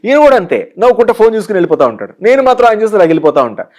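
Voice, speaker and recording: Fast-talking animated Telugu motivational speaker. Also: male voice, sits high. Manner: animated storyteller who plays out the scenes he describes. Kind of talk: guest in an interview.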